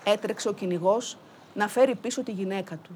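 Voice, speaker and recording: Woman storyteller, lively rhythmic folk tale telling, playful repeats. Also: mid-range voice, slight background noise. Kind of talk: oral folk-tale narration.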